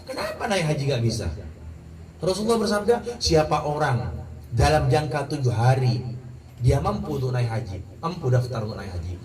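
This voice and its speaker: A man's voice: medium pitch, big pitch swings, moderate pace, a little mellow, recorded from a distance, slight background noise. A middle-aged man preaching an Islamic sermon. He asks the crowd questions and acts out the people he quotes. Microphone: wireless mic. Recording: echoey crowd room, voice from afar.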